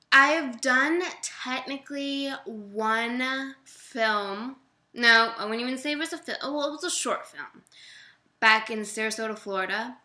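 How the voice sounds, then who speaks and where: A woman's voice: medium pitch, bright, forceful tone. A young woman chatting casually on a livestream, answering viewers' questions and making fun of herself. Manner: chatty and self-deprecating, laughs often; uses "y'all" and loose fillers.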